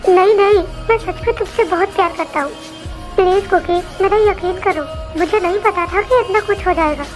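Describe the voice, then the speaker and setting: A woman's voice: very high voice, normal speed, music in the background. A woman voicing a remorseful young man who pleads with his lover, in an emotional fan storybook reading. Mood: pleading.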